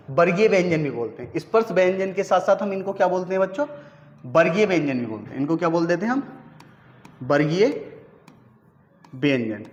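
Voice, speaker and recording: A male teacher giving a classroom lesson, who keeps asking his students questions and then answering them himself. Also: high-pitched. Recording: echoey room, dull lo-fi sound.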